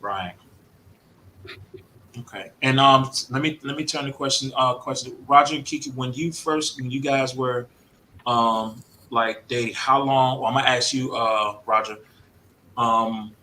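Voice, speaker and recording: A man's voice: mid-range voice, unhurried, pushed and bright, slight background noise, poor audio. A man hosting a casual live-stream talk, rambling and leaning on "you know what I'm saying". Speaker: host.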